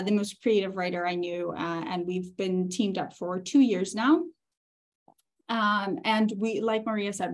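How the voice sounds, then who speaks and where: A woman, presenting a workshop at a middle pitch. She explains points in an easygoing way, with fillers and restarts along the way. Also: darkish tone. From Ukraine. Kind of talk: conversational presentation.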